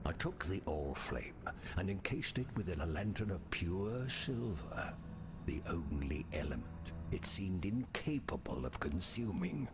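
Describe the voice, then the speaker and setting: Deep, grandiose ghostly sea captain. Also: male voice, big pitch swings, measured pace, background noise. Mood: grave storytelling. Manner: grandiose, florid, dramatic delivery with breathy whispered endings. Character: pompous, theatrical ghostly sea captain, marooned and melancholy. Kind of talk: scripted video game character dialogue.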